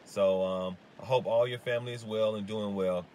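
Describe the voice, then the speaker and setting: A man who owns a lawn care business, giving casual advice in a vlog and talking in a halting way full of fillers and restarts. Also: fairly low pitch, steady tone, a little mellow, slight background noise.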